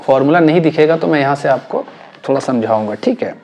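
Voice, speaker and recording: A man's voice: a little high, expressive, fast talker, a little mellow. Patient male music teacher explaining theory. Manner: patient, repeats points and checks understanding often.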